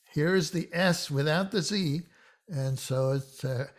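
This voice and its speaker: An older man from Hungary, a psychology professor, giving a casual pronunciation lesson to camera from a home office, with small laughs and frequent filler words. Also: on the high side. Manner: chatty, with small laughs and filler "uh"s, slows down to spell out names. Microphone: boom shotgun mic beside him.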